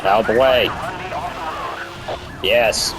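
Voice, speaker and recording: Speaking very slowly in a fairly low, evenly toned voice, a young man gives casual gameplay commentary. He sounds stoned, wanders off on tangents easily, and swears freely.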